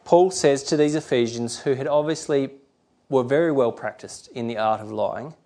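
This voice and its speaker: A man's voice: medium pitch, normal speed, warm tone. A middle-aged man preaching a sermon in a rambling, conversational way, often restarting and acting out quotes.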